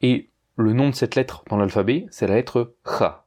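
Male language tutor, mid-pitched, relaxed informal delivery, deliberate pacing with repeated example words. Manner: slow, careful, repeats words for the listener; informal, addresses listener as tu. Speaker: language teacher. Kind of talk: pronunciation lesson.

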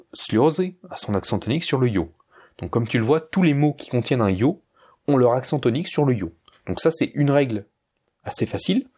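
A man with a slightly husky voice explains a pronunciation rule to a learner. He talks patiently and directly, like a teacher walking a student through a lesson, and gives one example after another. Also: medium pitch, darkish tone. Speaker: language teacher.

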